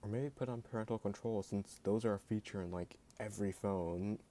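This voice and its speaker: In an opinion rant for his channel, a man with a fairly low, dark voice speaks fairly quickly. He's blunt and sarcastic, drops "like" all the time, and his voice turns jittery at moments.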